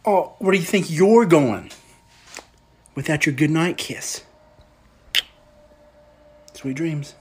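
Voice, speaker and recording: Woman putting on a creepy husky voice, slow and drawn out, menacing, comedy skit. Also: deep voice, animated, darkish tone, voice pushed down, heavily acted.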